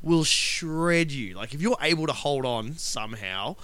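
A man co-hosting a casual film discussion podcast, animated and ranting, laughing often. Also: a little high, a little slow, crowd noise. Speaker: podcast co-host.

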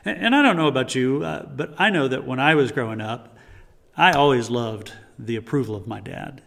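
A man's voice: mid-range voice, normal speed, creaky, a bit bright, long reverb tail. A man preaching a sermon as pastor, earnest, often restarting his words. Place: church sanctuary.

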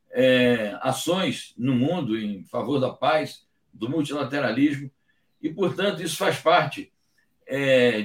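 Distant echoey man, measured commentary. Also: on the high side. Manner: measured, emphatic, frequent hesitation fillers. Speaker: political commentator. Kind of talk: live-stream political commentary.

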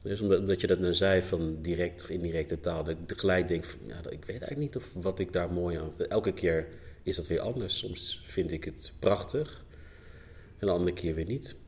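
A man, a poet guest, talking reflectively about his writing in a halting, searching way with many restarts. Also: low voice, darkish tone. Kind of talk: reflective conversational interview.

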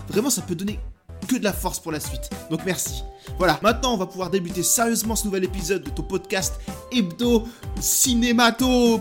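A young Frenchman hosting his own film podcast, talking in a playful, self-mocking way with lots of filler sounds. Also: high voice. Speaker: podcast host reviewing films. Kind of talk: casual comic monologue.

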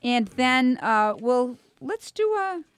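Interviewing young performers for radio with a studio microphone and headsets, the middle-aged host and voice teacher is chatty, effusive and encouraging. She speaks slowly and expressively in a high, smooth voice, captured dry.

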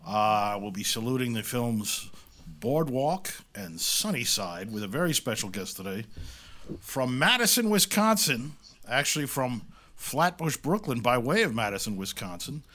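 A man's voice: mid-range voice, sing-song, measured pace, sharp tone. A man in his fifties from New York City, hosting a casual podcast chat. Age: 50s. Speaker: podcast host, author.

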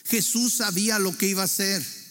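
A man's voice: high voice, fairly even intonation, normal speed, a bit bright, faint music behind. A man with a Mexican accent preaching a sermon, earnestly asking the congregation questions. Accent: Mexican Spanish. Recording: preaching in a reverberant hall.

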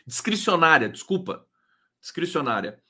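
A man's voice: on the high side, sing-song, moderate pace, pushed and bright, slightly rough. A man with a Brazilian Portuguese accent hosting a live talk show, casual and affectionate with his guests. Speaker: host.

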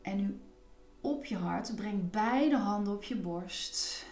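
A woman guiding a body relaxation meditation, giving soothing, instructive cues with gentle repetition. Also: medium pitch, lively intonation, slow pace, reverberant, faint music behind.

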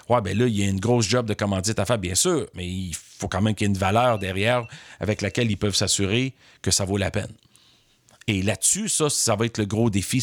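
A man with a Quebec French accent hosting a podcast, giving measured, opinionated commentary on the business of sports. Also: lowish voice, no echo, clean studio sound. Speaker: podcast host.

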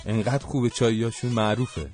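A man's voice: mid-range voice, little pitch movement, over loud music. Joking male radio host. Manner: joking, chatty. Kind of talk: casual radio chat, reading listener messages.

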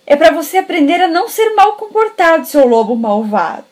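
A woman voicing a clever, feisty old grandmother who scolds loudly. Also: very high-pitched, big pitch swings, brisk, pitched above the performer's own voice, poor audio. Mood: scolding. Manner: loud, scolding.

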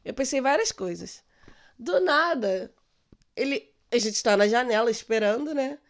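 A woman in her late twenties from Brazil, telling a personal story in a chatty, animated way on her vlog. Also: a little high, measured pace. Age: late 20s. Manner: chatty, animated retelling with quoted dialogue. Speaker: vlogger. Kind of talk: casual storytelling.

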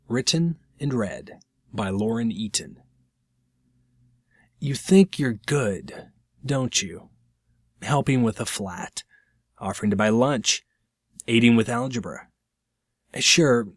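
Slow, deliberate male storyteller. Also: on the low side, no echo, studio quality. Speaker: narrator. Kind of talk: scripted narration of short fiction.

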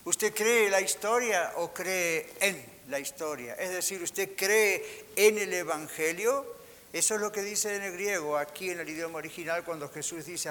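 High bright-voiced preacher in a hall. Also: male voice. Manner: preaching with rhetorical questions to the congregation. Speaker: pastor. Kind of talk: sermon. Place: church hall. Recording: hall reverb with faint hiss.

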